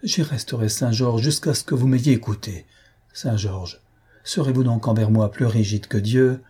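A man's voice: medium pitch, moderate pace, warm tone, husky. A man reading a desperate old nobleman pleading. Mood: anguished. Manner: pleading, anguished. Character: aging male nobleman, desperate pleading father.

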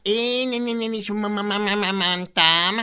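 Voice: medium pitch, bright, forceful tone, clear, resonant tone, pitched above the performer's own voice, lightly acted. An audiobook reader voicing a mischievous little male dragon who stutters over his words. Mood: teasing stutter. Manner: stuttering, giggling.

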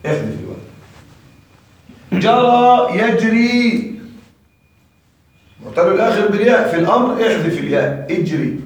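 A man with a high voice teaches a grammar lesson in a classroom, often asking his students whether they follow. The room is very echoey. He is recorded from a distance. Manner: asks the class frequent check questions. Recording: echoey room, mic far off.

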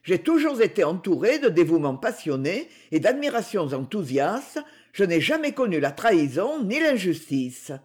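A reader voicing a stern, courteous brigand king who speaks gravely and with conviction. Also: sits high, big pitch swings, moderate pace, full character voice. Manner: cool, courteous, solemn.

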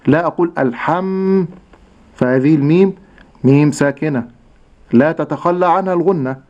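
A man with an Egyptian accent teaching Quran recitation on a radio lesson, speaking slowly and patiently and drawing out words to demonstrate sounds. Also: on the high side, darkish tone. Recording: dull lo-fi radio recording.

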